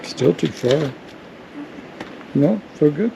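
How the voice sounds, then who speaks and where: A man's voice: on the high side, lively intonation, slow, creaky, background noise. A man hosting a garage build video, chatting and teasing his helper in casual shop talk. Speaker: host of a rat rod build video. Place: home garage workshop.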